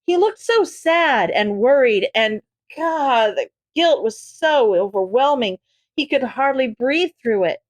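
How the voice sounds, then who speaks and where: Higher-voiced woman reading a story. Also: lively intonation, takes it slowly, no room sound. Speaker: audiobook reader. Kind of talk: fan fiction narration.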